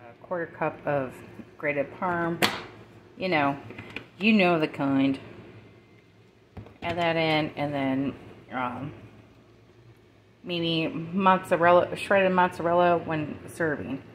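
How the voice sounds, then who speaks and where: Low, slow-talking woman home cook. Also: a little hiss or hum. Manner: chatty, relaxed, talks while tasting. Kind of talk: casual cooking vlog. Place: home kitchen.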